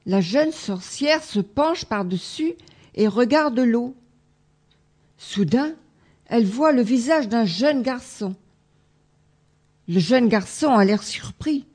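A woman reading a children's fairy tale aloud in a gentle, measured way. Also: fairly high pitch, lively intonation, breathy edge. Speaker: storyteller.

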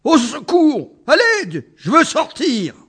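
A man doing a booming elephant doctor. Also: expressive, moderate pace, vocal fry, full character voice. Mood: panicked. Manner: loud calls, mocking.

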